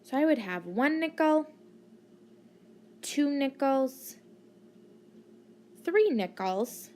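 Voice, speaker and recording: A woman teacher narrating a maths lesson for children, deliberately teaching a child to count and putting questions to the listener. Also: sits high, animated, warm tone. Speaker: primary school maths teacher.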